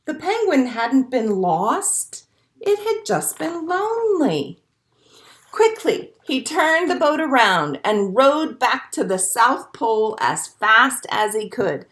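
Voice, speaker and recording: This storytime librarian and host has a high-pitched, slightly bright voice that is very animated, and she takes things slowly. Reading a picture book aloud expressively to young children, she adds songs and asides and speaks to them simply and encouragingly.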